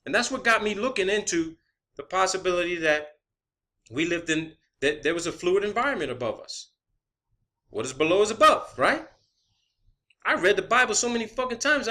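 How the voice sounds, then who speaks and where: Pushed, bright and high-pitched, the voice belongs to a male online video creator ranting without a script. He swears, speaks bluntly and emphatically, and keeps repeating phrases to hammer them in.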